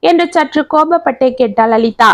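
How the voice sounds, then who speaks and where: ஒரு பெண் கதைசொல்லி, குடும்பக் கதையை நிதானமாகவும் உணர்வுடனும் வாசித்துச் சொல்கிறார். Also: female voice, high-pitched, normal speed, no room sound. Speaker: storyteller. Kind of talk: scripted story narration.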